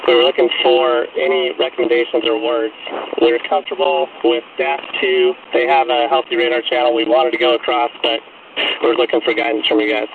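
Pilot guy on helmet radio, gravelly voice, tinny crackly line with static. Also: mid-range voice, fairly quick. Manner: calm, procedural, uses radio codes. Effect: helmet radio transmission. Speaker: military pilot in flight. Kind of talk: clipped military radio talk.

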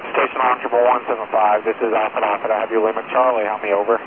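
A man's voice: fairly low pitch, very fast. A man working as a radio operator, answering in clipped, businesslike military-style procedure over a two-way radio. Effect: two-way radio transmission. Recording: crackly narrowband radio with steady noise.

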